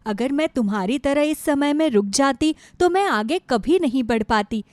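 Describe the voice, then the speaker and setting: A woman voicing a steady widowed neighbour in a storybook tale, speaking in a calm, comforting way. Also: high-pitched, moderate pace, dry recording.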